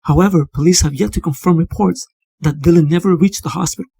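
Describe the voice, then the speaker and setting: A man's voice: a little high, quick pace, vocal fry, warm tone, slightly rough, no echo. A man voicing a television news reporter in a formal news report delivery.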